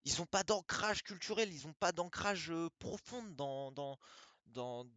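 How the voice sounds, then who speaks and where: A man's voice: a little high, lively intonation, measured pace, a bit bright, dry recording. A man talking in a casual monologue, emphatic and repetitive, firing off rhetorical questions.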